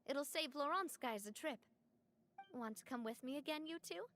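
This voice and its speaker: A woman's voice: sits high, normal speed, a bit bright, slight background noise. A woman playing a spirited, gracious young female boss in an anime game, with an upbeat, friendly manner. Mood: cheerful.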